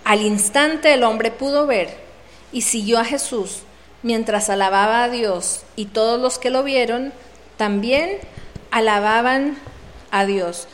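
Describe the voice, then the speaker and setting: Slow, high-voiced woman preaching in a hall. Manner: dramatic read-aloud, acting out the voices in the story. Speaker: speaker at a women's retreat. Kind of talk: devotional talk reading scripture. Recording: reverberant hall.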